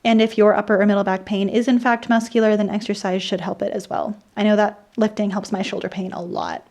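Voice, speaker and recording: Woman, medium pitch, vocal fry, dry croaky throat, explainer video host, scripted delivery with personal asides. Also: flat delivery, brisk, a little mellow.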